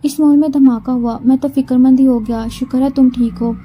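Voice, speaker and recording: A woman's voice: sits high, fairly even intonation, fairly quick, dark tone, slight background noise, natural voice. Worried caring uncle, read by a woman. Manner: anxious, concerned.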